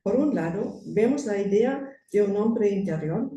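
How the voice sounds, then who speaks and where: A woman with a German accent reads an academic paper in a very soft, dark tone. Her delivery is careful and a little halting. She is picked up from a distance in an echoey room with faint noise. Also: medium pitch, expressive. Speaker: conference speaker. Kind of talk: scripted academic paper read aloud. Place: conference room.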